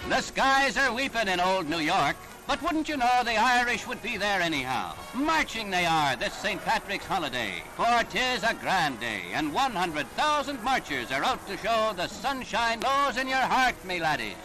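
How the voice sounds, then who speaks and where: A man narrates an old newsreel in a high, bouncing voice that swings up and down. His delivery is jaunty and folksy, full of playful old-fashioned turns of phrase, and loud music plays under him. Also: sing-song, normal speed, hardly any pauses, low-quality recording. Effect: old newsreel soundtrack.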